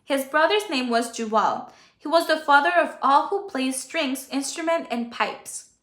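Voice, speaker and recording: Speaking at a measured pace with a high, fairly bright voice, a woman whose first language is Spanish hosts a relaxed Bible study stream. Echoes fill the room while she reads, comments, chats, self-corrects, and stumbles over names.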